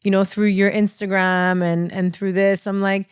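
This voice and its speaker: A woman at an average pitch who hosts a podcast, chatting easily and keeping the talk going with frequent short replies. Her speech is casual and conversational. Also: level tone, moderate pace, clear, resonant tone. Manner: attentive listener with frequent short backchannels. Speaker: podcast host.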